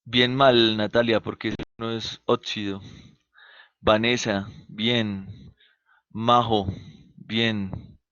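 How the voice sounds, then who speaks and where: A man's voice: on the low side, flat delivery, slow pace, long pauses, fairly bright tone, smooth, no echo, highs cut off. A man teaching an online chemistry class, patiently asking his students questions and then answering them himself. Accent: Colombian Spanish. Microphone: computer mic on a video call.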